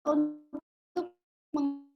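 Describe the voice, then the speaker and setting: A woman presenting slides on a video call, her voice breaking up and dropping out, speaking haltingly. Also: high-pitched, little pitch movement, loud music behind the voice. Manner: halting, with many pauses. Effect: video-call audio breaking up and dropping out. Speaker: research presenter. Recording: muffled online call audio.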